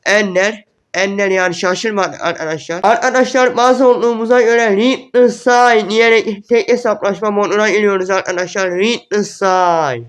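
A young man giving excited gameplay commentary, repeating words in quick bursts as the match unfolds. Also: sits high, clear, resonant tone. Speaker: gaming YouTuber.

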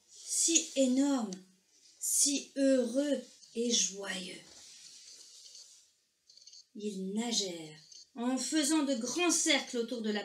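A woman reading a children's story aloud, slow, gentle and expressive. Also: medium pitch. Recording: echoey room, faint noise.

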